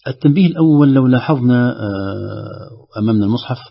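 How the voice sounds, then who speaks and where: A man teaching the rules of Quran recitation, speaking slowly and repeating words to show how they are pronounced. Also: mid-range voice, lively intonation, gravelly, muffled recording. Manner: slow, deliberate, repeats words to demonstrate pronunciation.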